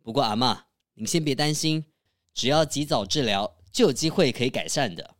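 A man voicing a calm, reassuring middle-aged doctor in a children's audio story, explaining gently. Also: mid-range voice, moderate pace, no echo, studio quality, natural voice.

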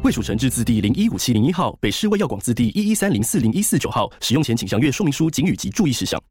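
A man reading a fast, formal legal disclaimer as an ad announcer. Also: mid-range voice, sing-song, darkish tone, faint music behind, lightly acted. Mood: brisk, formal.

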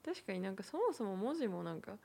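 A woman chatting as a guest, talking quickly with many fillers and frequent laughter. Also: medium pitch, very animated, vocal fry, dark tone. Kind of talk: casual chat.

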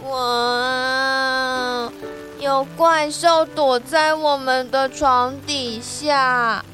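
Lady doing teary little penguin chicks, drawn-out sobby wails, a bit high. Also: fairly even intonation, fairly bright tone, faint music behind, full character voice. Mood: tearful. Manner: wailing, sobbing slowly. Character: small crying baby penguins.

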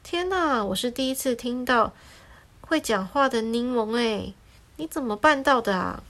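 A woman's voice: fairly high pitch, expressive, a little slow, a bit bright. A woman voicing a small, chatty, frank sparrow in a children's story, talking in a blunt, matter-of-fact way. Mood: amazed.

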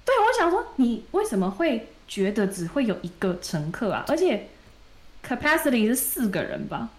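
A woman co-hosting a podcast, retelling a story in a lively, casual way and acting out the quoted dialogue. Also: a little high, normal speed. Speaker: podcast co-host.

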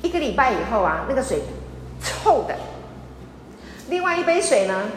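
A woman pastor preaches with emphatic repetition, stopping often to ask her listeners questions. Her voice sits fairly high. The recording carries the long reverb of a church hall with faint background noise. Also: very animated, normal speed. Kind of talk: lively sermon. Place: church sanctuary.

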